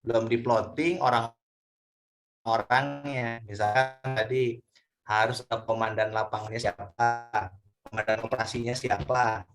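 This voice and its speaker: A man's voice: medium pitch, fairly even intonation, measured pace, over music, low-quality recording. A man presenting in an online meeting, going through points one by one, his audio breaking up and glitching over a bad connection. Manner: methodical, lists points one by one. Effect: choppy, glitching audio from a bad connection. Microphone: video call.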